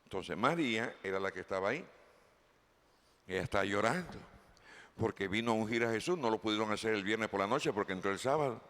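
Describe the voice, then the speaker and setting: A man's voice: on the low side, lively intonation, fairly quick, a bit bright. A man preaching a sermon as pastor, reading scripture aloud and putting questions to the congregation. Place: church hall. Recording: long hall reverb.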